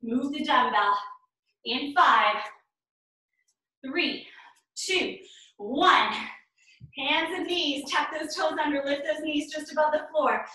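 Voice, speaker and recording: A fitness instructor in her thirties calls out counts and cues as she works out alongside, urging and encouraging in a high, sharp-toned voice. She takes it slowly with frequent pauses, recorded by a camera a few meters off in a small, bare, echoey room at home.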